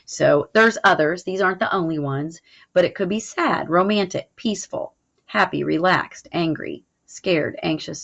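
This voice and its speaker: Low-pitched and creaky, this woman's voice carries an informal, explanatory lesson that she recorded as a teacher. She keeps checking in with frequent "all right"s. Sound quality is dull and lo-fi.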